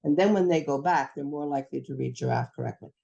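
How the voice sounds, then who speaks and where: A woman's voice: low-pitched, fast talker, vocal fry, mellow, highs cut off. A woman giving a professional development talk to teachers, explaining reading lessons step by step and acting out what to say to students. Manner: instructive, acts out teacher-student exchanges.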